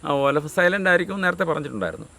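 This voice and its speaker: A man teaching a language class, saying letter names slowly and repeating them over and over. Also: high-pitched, animated, creaky, pushed and bright. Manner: slow, drawn-out letter names recited over and over. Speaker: Syriac teacher. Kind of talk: language lesson.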